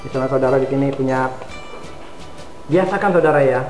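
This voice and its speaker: A man talks fast as he gives a lesson of advice and keeps addressing his listeners directly. His voice rings in a roomy, echoing space. Loud instrumental music plays underneath him. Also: mid-range voice. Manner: addresses listeners repeatedly as "saudara". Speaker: Mandarin study consultant. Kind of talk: instructional talk to viewers.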